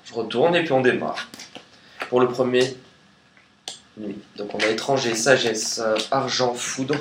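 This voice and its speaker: A man at an everyday pitch talks through a tarot spread in a relaxed, chatty way. His voice rings in an echoey room. A faint noise runs under it. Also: a little slow. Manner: chatty and relaxed, sings snatches of songs. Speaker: tarot card reader. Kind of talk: casual tarot reading video.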